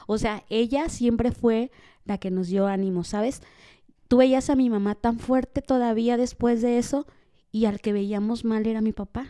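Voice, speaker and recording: A woman's voice: mid-range voice, warm tone, clear, resonant tone. A woman from Mexico, a podcast guest, telling an emotional family story in casual conversation and retelling what people said.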